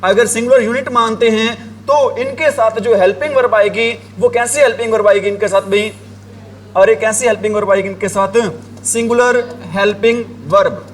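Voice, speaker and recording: A male English teacher with a high voice gives a grammar lesson, with a little hiss or hum in the recording. Writing on a board, he asks the class the same questions over and over and then answers them himself.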